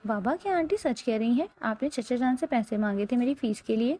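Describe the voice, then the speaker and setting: A woman's voice: a little high, mellow, close to an everyday voice. A woman voicing a reproachful young daughter in a spoken storybook. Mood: hurt. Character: upset young daughter confronting her father.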